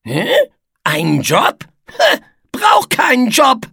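Woman putting on a grumpy mocking bug, growling, garbled words, high lively voice, breathy. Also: drawn-out words, no echo, studio quality, exaggerated voice. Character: grumpy male bug who twists words.

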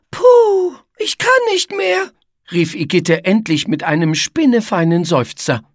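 A woman narrating a children's story aloud in a lively storytelling manner. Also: sits low, breathy edge, dry recording, studio quality.

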